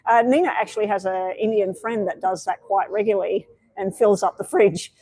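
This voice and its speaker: A woman's voice: medium pitch, steady tone, a little fast, warm tone, husky, no room sound, rough recording. A woman giving tarot readings on a live stream, chatty and meandering, with many fillers. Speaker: tarot reader.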